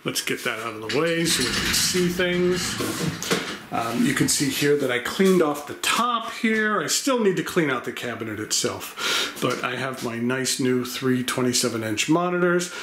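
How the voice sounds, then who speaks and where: A man in his fifties narrating a product review of his home office desk in a steady, measured way, often starting lines with um or uh. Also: medium pitch, noisy background. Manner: steady, measured delivery with frequent ums and uhs. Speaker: channel host reviewing a standing desk.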